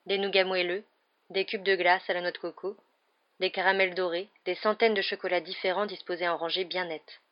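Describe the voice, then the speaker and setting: A woman reading an audiobook in an even, measured storytelling manner, in a dull lo-fi recording. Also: on the low side. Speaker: audiobook reader. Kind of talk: audiobook narration.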